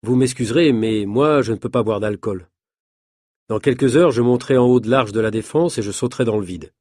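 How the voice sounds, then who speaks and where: A man's voice: mid-range voice, brisk, a little mellow, dry recording, clean studio sound, natural voice. A man voicing a confident male daredevil, breezy and self-assured, in a read-aloud story. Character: confident male daredevil showman, friendly host.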